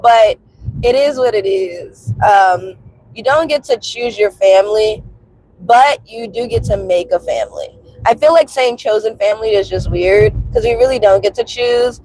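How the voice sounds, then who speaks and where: A woman in her 20s with a stuffy cold hosts a personal commentary vlog, speaking to viewers in a candid, confessional, emphatic and colloquial manner. Her mid-range voice moves at normal speed and sounds a little mellow, though the audio is poor.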